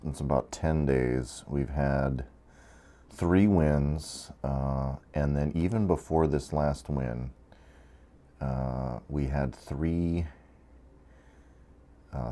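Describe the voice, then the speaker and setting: With a rumbling low, dark voice, a tired gameplay commentator—up for 23 hours straight—talks his way loosely through a strategy game, leaning heavily on fillers.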